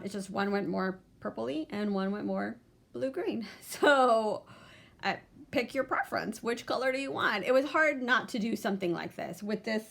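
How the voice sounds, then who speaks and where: A woman's voice: medium pitch, creaky, fairly bright tone. A young adult woman narrating a makeup tutorial, chatty as she talks through each step of her look. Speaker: beauty vlogger.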